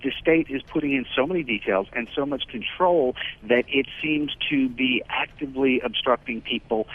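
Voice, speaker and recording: A man co-hosting a radio news show, calling in over a landline phone and speaking haltingly with many filler pauses and restarts. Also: mid-range voice, husky. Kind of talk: talk radio news report. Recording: tinny landline phone line.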